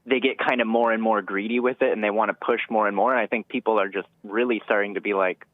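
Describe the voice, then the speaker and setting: A man's voice: on the low side, fairly even intonation, fast, no echo. Hesitant male radio caller on a phone line. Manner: hesitant, rambling. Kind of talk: casual phone-in chat. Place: phone call to a radio show. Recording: thin band-limited phone line.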